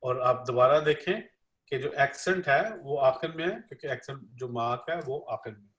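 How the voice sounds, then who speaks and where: A man's voice: mid-range voice, a little fast, fairly bright tone. A man interpreting a classroom lecture live, repeating each line with many fillers. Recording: echoey room.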